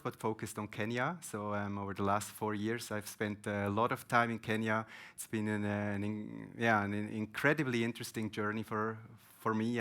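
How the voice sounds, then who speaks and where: A man's voice: mid-range voice, bright, forceful tone. A man moderating a conference panel, polling the audience and introducing himself, with many hesitations.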